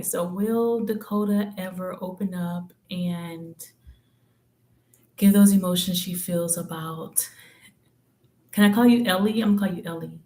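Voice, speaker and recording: In a mid-range, slightly mellow voice, a tarot reader chats her way through live readings on a stream. She's candid and slangy, humming and letting phrases trail off as she thinks aloud in this casual reading-and-chat session.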